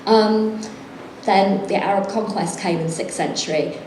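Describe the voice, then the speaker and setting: Reading from her book and then chatting, a middle-aged woman author appears as a guest at an event venue. She has a mid-range voice and a slightly slow delivery, caught in a reverberant space with background noise, and she laughs often at her own expense.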